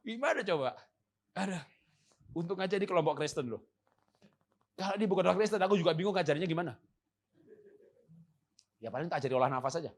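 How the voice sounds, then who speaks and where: A man preaching a church seminar sermon with humor. He acts out quoted husbands and wives and moves from loud emphasis to soft, calm passages. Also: high-pitched, fast, pauses often. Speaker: guest preacher. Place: church service.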